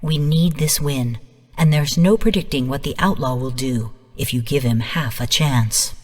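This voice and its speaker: Her voice in the bass range and a little mellow, an actress plays a coolly commanding, composed artificial intelligence that briefs players on video game missions in a formal, measured way. The mood is grave and urgent, and the sound echoes as if in a large hall.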